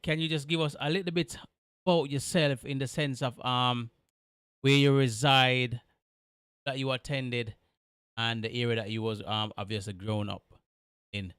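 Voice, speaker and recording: A man's voice: medium pitch, steady tone, normal speed, pauses often, a bit bright, smooth, no echo, studio quality. A man hosting a live radio interview, friendly and chatty, with many fillers and repeated thanks. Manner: friendly, repeats himself, lots of fillers and big-ups. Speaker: radio show host.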